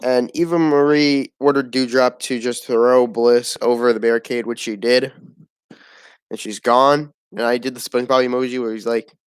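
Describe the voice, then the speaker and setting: A man's voice: medium pitch, smooth, dry recording. Blunt rambling man with a dry close mic. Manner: rambling, blunt, swears often, laughs at the show. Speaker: wrestling show reviewer. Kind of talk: casual opinionated review.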